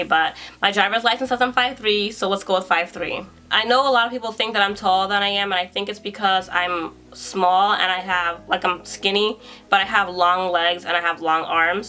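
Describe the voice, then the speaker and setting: A woman's voice: medium pitch, pushed and bright. A woman in her twenties from New York, chatting casually through a Q and A vlog as a YouTuber and hairstylist, breezy and self-assured. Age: 20s.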